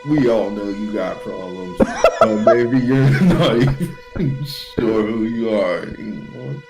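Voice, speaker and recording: A low, unhurried, gruff video game brawler, put on by a man, delivered as hammy amateur acting. He is blunt and sweary, with music clearly playing behind him. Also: animated. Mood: teasing, blunt. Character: gruff, blunt, profane man scolding his comrade. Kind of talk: amateur read-aloud of video game dialogue.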